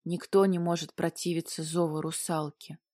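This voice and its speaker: A woman voicing a big, stubborn male dragon in an audiobook, dropping lower and growling, bursting into roars. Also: animated, normal speed, no room sound, studio quality, natural voice. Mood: gruff. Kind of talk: audiobook character voice.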